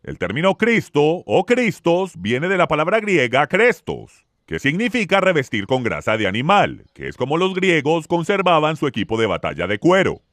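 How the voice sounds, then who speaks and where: A man's voice: medium pitch, a bit bright, no room sound, studio quality. A man narrating a scripted Bible teaching, reading in a dramatic, emphatic way.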